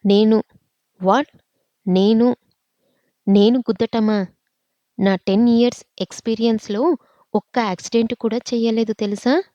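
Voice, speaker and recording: A woman's voice: fairly high pitch, steady tone, mellow, no room sound, dull audio, close to an everyday voice. A woman voicing a hot-tempered young working woman who scolds and snaps back. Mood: angry. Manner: scolding, quick retorts.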